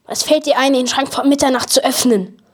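A woman's voice: high-pitched, fairly quick, husky. A woman voicing a small, angry monster with a saber, speaking in a snapping, outraged way.

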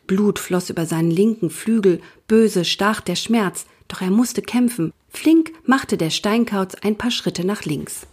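A woman reading a children's nature story aloud, soft and partly whispered. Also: fairly low pitch, husky.

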